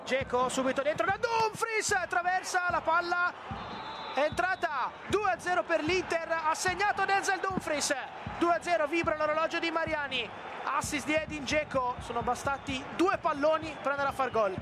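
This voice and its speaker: High-pitched breathless man calling goals. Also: normal speed. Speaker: football play-by-play commentator. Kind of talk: excited live goal commentary. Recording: loud crowd noise behind commentary. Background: loud stadium crowd.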